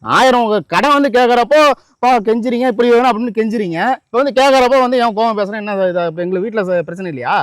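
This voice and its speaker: A man's voice: high-pitched, quick pace, no room sound, studio quality. Insistent man nagging for repayment. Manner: nagging and insistent, repeating demands. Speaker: loan collector in a comedy skit. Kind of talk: scripted comedy skit acting.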